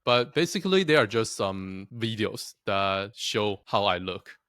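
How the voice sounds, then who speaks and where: A young Taiwanese vlogger talks casually to camera, chatty and self-deprecating, often laughing at himself. His lowish voice has lively intonation, a fairly bright tone, and a measured pace, captured in smooth, echo-free studio-quality sound.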